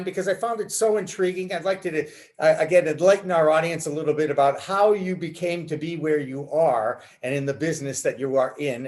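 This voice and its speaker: Chatty host on a video call. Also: male voice, fairly high pitch. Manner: chatty, enthusiastic. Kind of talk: casual interview chat. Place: home room, video call. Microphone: video call webcam.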